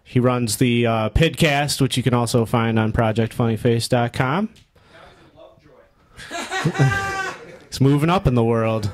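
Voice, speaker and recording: A man acting as emcee at a house comedy show, introducing the next comic in a loose, upbeat way with small pauses. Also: mid-range voice, very animated. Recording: live audience all around.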